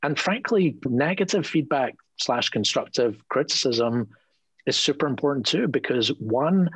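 A man speaking as a lawyer guest in a conversational interview, earnest and animated, often repeating words as he thinks aloud. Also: medium pitch, unhurried, slightly rough, dry recording, poor audio.

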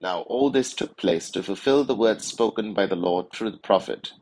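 Low-voiced priest reading solemnly. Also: male voice, darkish tone, rough recording. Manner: measured, formal, solemn delivery. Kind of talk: liturgical Gospel reading and homily.

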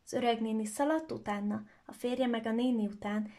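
A woman telling a children's story aloud in a lively, expressive way. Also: fairly high pitch.

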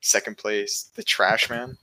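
A man's voice: lowish voice, steady tone, unhurried, bright, forceful tone, dry recording, poor audio. A man co-hosting a casual podcast chat, joking and playful.

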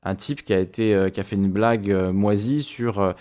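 A man in a casual discussion who explains his view in a relaxed way and trails off with fillers. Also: on the low side, brisk.

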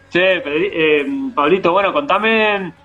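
A man's voice: high-pitched, slow, fairly bright tone, muffled recording, soft background music. A man with an Argentine accent hosting a casual online interview, chatty and laid-back, full of slang, on a video call. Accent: Argentine Spanish. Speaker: host.

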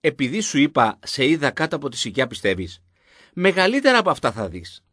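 A man's voice: a little high, very animated, a bit bright, breathy edge, dry recording, exaggerated voice. Male reader voicing a solemn, authoritative teacher, dry close read. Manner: measured, solemn reading of spoken lines. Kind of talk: scripted Bible reading.

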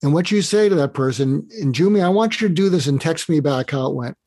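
A man's voice: fairly high pitch, expressive, fast, a little mellow, no echo. A man speaking as a podcast guest, earnestly guiding the listener through an exercise and often repeating words as he restarts his phrases. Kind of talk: casual interview talk.

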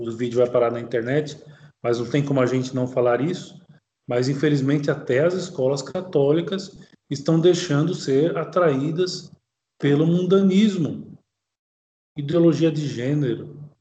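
A man's voice: mid-range voice, mellow, a little hiss or hum. Man preaching in an echoey room. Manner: alternates slow solemn reading with quick conversational commentary. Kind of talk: sermon commenting on a read text.

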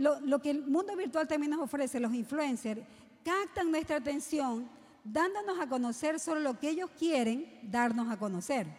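A woman's voice: high-pitched, a little mellow. A woman preaching a sermon to young people, asking the congregation rhetorical questions. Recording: long hall reverb.

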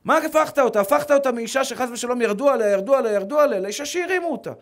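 A middle-aged male rabbi delivers a sermon in a strikingly high voice. He hammers his points home through emphatic repetition, speaking directly to his listeners. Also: lively intonation. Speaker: rabbi giving a Torah lesson. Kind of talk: religious sermon.

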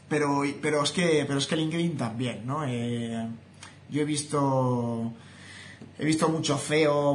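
A man's voice: mid-range voice, slight background noise. Opinionated Spanish man in a roomy echo. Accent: Spain Spanish. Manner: opinionated, talks straight to viewers. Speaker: social media content creator. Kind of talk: casual vlog monologue. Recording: roomy echo, faint ambience.

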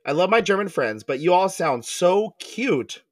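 A man hosting a casual podcast chat, joking and animated, laughing often as he talks. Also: high-pitched, a little slow, no echo. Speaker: podcast host. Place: recording in Germany.

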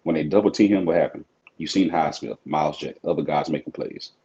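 Very deep-voiced calm man, football coach. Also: fairly quick. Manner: calm, smooth, low-key analysis. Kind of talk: casual sports podcast interview. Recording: slightly dull lo-fi sound.

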